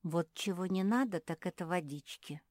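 A woman's voice: lowish voice, normal speed, darkish tone, no room sound, studio quality, close to an everyday voice. A woman voicing a fussy, complaining female animal with damp fur in a children's audiobook.

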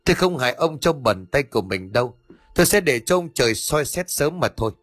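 A man's voice: mid-range voice, very animated, brisk, fairly bright tone, husky, no room sound. A male narrator voicing a stern middle-aged exorcist who scolds his son.

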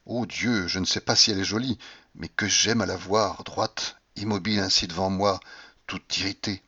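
A man's voice: low voice, steady tone, moderate pace, bright, forceful tone, husky, no echo, dull audio. A man giving a dramatic, impassioned reading of a classic novel in the first person, with a feverish delivery. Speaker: audiobook reader.

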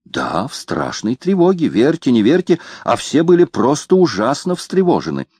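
Man voicing a frightened peddler, wheedling and shrill, wild swings in pitch. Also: wildly swooping pitch, moderate pace, a little mellow, breathy edge, no room sound. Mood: babbling. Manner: whining and pleading, rising to shrill. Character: fawning, cunning male peddler, frightened.

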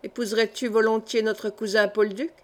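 Un vieux comte exalté et fiévreux, lu par une femme, au ton emphatique et orgueilleux. La voix reste assez haute, comme celle de la lectrice, dans une lecture de livre audio. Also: female voice, a little high, little pitch movement, moderate pace, lightly acted. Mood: exalted. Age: older. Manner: emphatic, proud. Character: old exalted feverish male count. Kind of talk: audiobook character reading.

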